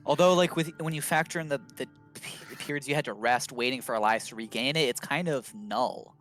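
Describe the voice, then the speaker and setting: A man narrating as game master of a tabletop role-playing game, relaxed and full of fillers. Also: mid-range voice, brisk, soft background music.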